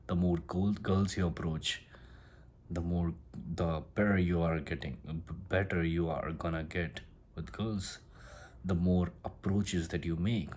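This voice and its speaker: A man for whom English is a second language delivers a casual motivational monologue as a self-improvement vlogger, often repeating and restarting phrases. His voice is low-pitched and a little mellow, with fairly even intonation and a measured pace.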